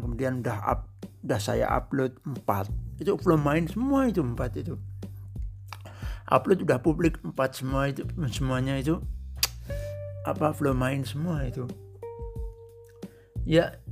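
Easygoing man with a gravelly voice. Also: mid-range voice, darkish tone. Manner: easygoing, rambling, conversational. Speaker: podcaster. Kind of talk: casual solo podcast monologue.

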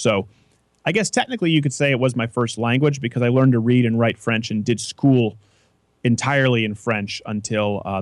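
A Canadian talk radio host with a mid-range voice chats casually on air, recorded with studio quality and no room sound. He is opinionated and tends toward long run-on explanations full of restarts.

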